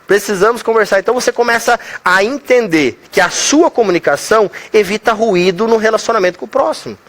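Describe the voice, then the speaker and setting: A man with a Brazilian Portuguese accent teaching communication in an energetic lecture, acting out little dialogues and asking rhetorical questions. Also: sits high, fairly quick. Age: adult, older sibling. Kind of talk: motivational lecture with acted examples.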